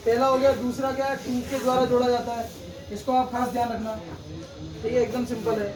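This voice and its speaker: In a very high voice, level in tone and a little fast, a man teaches grammar as in a classroom. He goes step by step, checking in with "theek hai" after almost every point. The recording comes from a distant mic in an echoey room with background noise.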